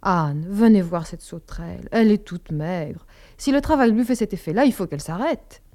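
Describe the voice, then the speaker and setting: A woman voicing a stern middle-aged father who frets over his daughter, his reproach carried in a mellow, dark tone. A close, plainly read audiobook part. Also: mid-range voice, lively intonation, moderate pace, natural voice. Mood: fussing.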